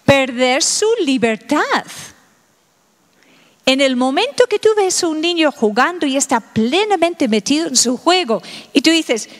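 A middle-aged woman with a high, expressive voice addresses a public lecture audience in Madrid at a measured pace, posing many rhetorical questions. The hall recording carries noticeable reverb.

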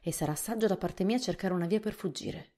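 A woman reading a storybook softly, voicing a thoughtful, worried male scarecrow king. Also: fairly low pitch, fairly quick, pitched above the performer's own voice.

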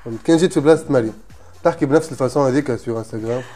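A man's voice: mid-range voice, racing, dark tone, soft background music. A man with a Tunisian accent hosting an interview, firing short, probing questions. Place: indoor studio set with armchairs.

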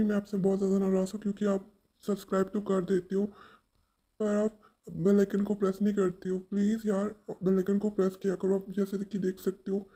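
A woman's voice: medium pitch, dark tone. A woman talking casually to her viewers, scolding and pleading with them. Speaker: YouTube storyteller.

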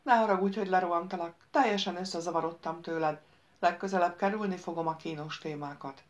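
A woman's voice: lowish voice, highs cut off, natural voice. A woman reading an audiobook, voicing a grown man who speaks in an earnest, searching way.

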